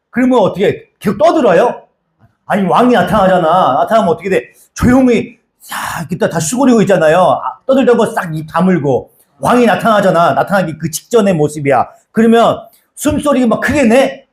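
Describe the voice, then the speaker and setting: A man preaching a sermon in a conversational, repetitive style, acting out quotes as he explains scripture. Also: high-pitched. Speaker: pastor.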